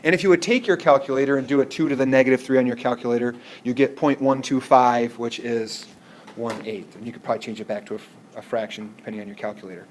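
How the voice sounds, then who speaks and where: A man's voice: mid-range voice, steady tone, fast talker, a little hiss or hum. Patient man teaching a math class. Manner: patient, checks in with students often. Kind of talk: classroom lecture.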